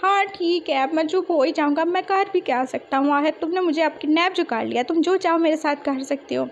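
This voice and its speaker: A woman's voice: high voice, fairly quick, highs cut off. A woman voicing a childish, chatty young man who rambles and complains tearfully in a fan fiction story. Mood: resigned.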